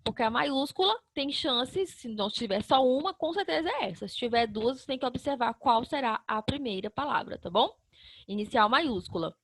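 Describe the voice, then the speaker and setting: A high-pitched woman teaches young children in a recorded online lesson. She walks through each step patiently, sounding out syllables one by one and answering her own questions. The sound is dry and close, with no room echo. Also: expressive, moderate pace, fairly bright tone. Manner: asks the class questions and answers them herself.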